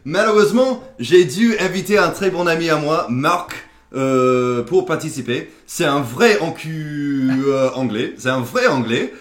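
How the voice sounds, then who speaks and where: A man's voice: a little high, lively intonation, unhurried, hardly any pauses. A man with an American accent, a native English speaker, hosting a comedy sketch with teasing, mock-indignant banter. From United States. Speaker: host. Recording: echoey room.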